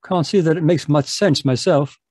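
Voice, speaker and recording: A man's voice: a little high, moderate pace, darkish tone, no echo, close to an everyday voice. A man playing a genial, inquisitive doctor who also narrates a radio mystery in a conversational, avuncular way. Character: genial, inquisitive doctor, detective's friend John Watson. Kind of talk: old-time radio mystery acting and narration.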